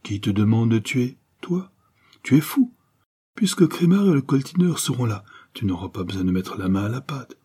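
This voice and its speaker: A man's voice: mid-range voice, animated, moderate pace, husky. A man voicing a cold, scheming female adventuress who threatens her lover with icy menace in an audiobook reading. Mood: scornful. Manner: icy, threatening, rising to shouts.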